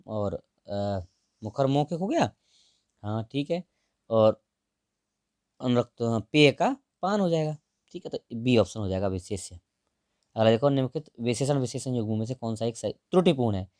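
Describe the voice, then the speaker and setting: Man teaching exam answers, dry mellow voice. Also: no room sound. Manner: repeats key words, drops to a low murmur at line ends. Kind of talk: explaining test answers.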